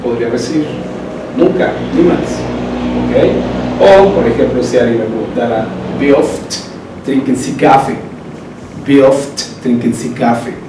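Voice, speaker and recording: A man teaching a German lesson, pausing to repeat each phrase slowly and clearly before translating it. His voice sounds distant from the mic and rings off the walls of a very echoey room. A steady background noise sits under the speech. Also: mid-range voice. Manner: slow, deliberate repetition of German phrases; conversational filler-laden explaining. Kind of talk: language lesson explaining vocabulary.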